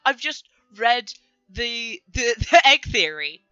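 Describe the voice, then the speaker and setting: A Canadian woman co-hosting a podcast in casual, joking banter, animated and swearing freely. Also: on the high side, takes it slowly, clear, resonant tone, dry recording, muffled recording. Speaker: podcast co-host.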